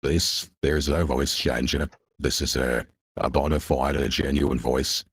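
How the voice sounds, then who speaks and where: A man talking through a deep pitch-shifting voice changer on a call, posing as a lawyer in a pompous, threatening way and repeating himself. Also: little pitch movement, unhurried, slightly rough, dry recording, studio quality. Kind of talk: call on a voice chat.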